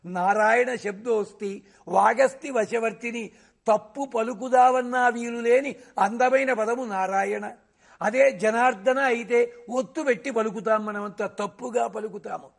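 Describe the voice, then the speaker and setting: A man giving a devotional discourse on scripture. He recites verses slowly and asks rhetorical questions that he then answers himself. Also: very high-pitched, vocal fry. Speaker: religious discourse speaker.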